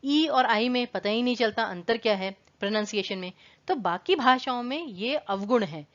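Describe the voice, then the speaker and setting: A woman's voice: fairly high pitch, expressive, moderate pace, a bit bright, dull audio. A woman teaching an online exam-prep lesson, explaining patiently and repeating words to contrast their pronunciation. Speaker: Hindi teacher.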